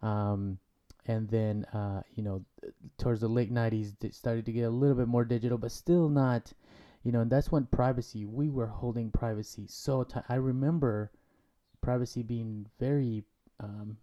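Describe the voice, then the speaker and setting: In a conversational interview, a thirtysomething male podcast host forms his questions as he goes, casual and hesitant with lots of fillers. He speaks at normal speed with a warm, medium-pitched voice and fairly even intonation, though the recording sounds muffled.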